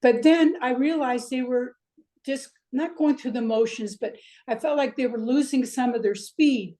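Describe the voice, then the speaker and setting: A woman's voice: high-pitched, moderate pace, warm tone. An older woman from Iceland, a swim coach, talking reflectively in a chatty way with lots of fillers during an interview. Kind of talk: interview over video call.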